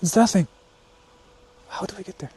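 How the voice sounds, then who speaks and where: Hosting a live stream as he explores the countryside on foot, a man from Japan, Japanese as his first language, chats casually, thinking aloud, repeating himself and throwing in exclamations and casual swearing. His voice sits high, warm and husky, at a normal speed. Passing vehicles make the outdoor stream noisy.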